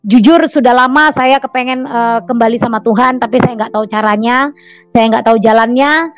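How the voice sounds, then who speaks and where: A woman giving a personal testimony to a congregation in an earnest, repetitive way, often pausing on "eh" and "gitu". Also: fairly high pitch, no echo, poor audio.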